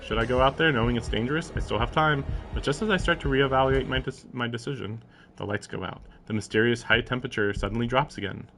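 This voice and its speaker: Over game music, a streamer reads a visual novel's narration and keeps interrupting himself with disbelieving, casual remarks, swearing now and then. He speaks fast in a mid-range, gravelly voice.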